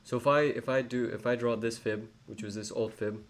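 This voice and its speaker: With a mid-range, steady voice and a brisk delivery, a young man with an English accent runs a live trading tutorial. He rambles, uses many fillers, and corrects himself often as an educator, with faint noise in the background.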